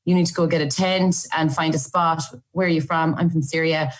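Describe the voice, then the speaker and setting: A woman's voice: low voice, steady tone, fairly quick. An Irish woman, an aid volunteer, recalling events in a chatty, run-on documentary interview. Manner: chatty, run-on storytelling with fillers.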